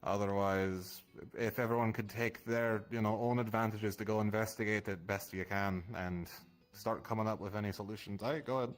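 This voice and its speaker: A man speaking in improvised role-play as a group's leader, haltingly, often stumbling over his words. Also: lowish voice, steady tone, soft background music, poor audio. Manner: halting, stumbles through reading aloud. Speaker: group leader addressing a room in a live roleplay.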